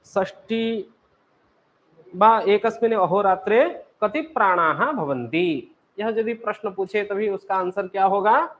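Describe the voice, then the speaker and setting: A man's voice: high-pitched, fairly bright tone. A man teaching a class, explaining step by step and asking and answering his own questions. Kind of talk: classroom lecture.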